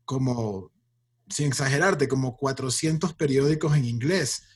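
A man's voice: mid-range voice, a little slow, husky. A man from Mexico, interviewing a guest casually and searching for his words. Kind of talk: casual conversation.

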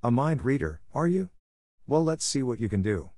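A man's voice: medium pitch, big pitch swings, moderate pace, mellow, dry recording, studio quality, pitched above the performer's own voice. A man reading aloud and voicing a cruel, mocking female spider queen in a storybook tale. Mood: taunting. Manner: taunting, haughty.

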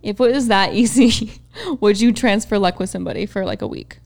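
A woman's voice: mid-range voice, fairly quick, vocal fry, a little mellow. A woman co-hosting a podcast, chatting casually with dry, wry asides. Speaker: podcast co-host. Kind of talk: casual chat.

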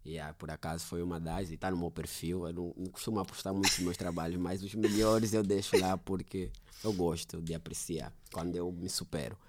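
Deep-voiced man in casual chat. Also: little pitch movement, brisk, few pauses. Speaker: podcast host, visual designer.

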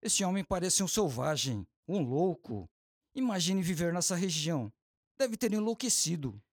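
A pessimistic, suspicious sailor in a radio play, voiced by a man. The voice is notably high for a man and recorded dry. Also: sing-song, moderate pace, no room sound, full character voice. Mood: scornful. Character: pessimistic, distrustful male sailor. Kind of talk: radio drama acting.

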